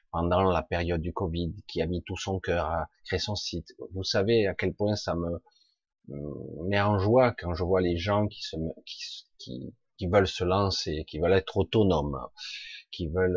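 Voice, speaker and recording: A man's voice: sits low, husky, no echo, dull audio. A man hosting a live stream, chatting casually and greeting his viewers by name, with frequent hesitations.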